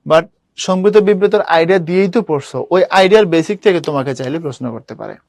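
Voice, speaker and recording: A man's voice: sits high, expressive, quick pace, darkish tone, no room sound. A young man teaching an online admission class, talking casually and asking students questions. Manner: casual, chatty, addresses students directly, asks them questions. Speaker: university admission tutor.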